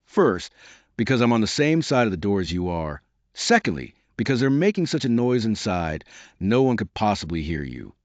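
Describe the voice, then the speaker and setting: A man reading aloud and voicing a stolid, indifferent frog footman who speaks in a flat, solemn, matter-of-fact way. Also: on the low side, moderate pace, no room sound. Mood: deadpan.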